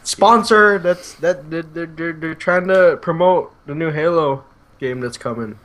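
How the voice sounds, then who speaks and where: A man making quick playful remarks and wordplay while chatting about a TV episode. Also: on the high side, a bit bright. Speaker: podcast co-host. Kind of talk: casual TV recap chat.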